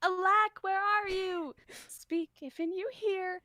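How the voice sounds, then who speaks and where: A woman's voice: fairly even intonation, slow pace, bright, forceful tone, no echo, clean studio sound, full character voice. A woman voicing a frightened young woman frantically calling for her lost love. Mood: frantic. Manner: frantic, high and breathless. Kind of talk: unscripted comedic read-aloud.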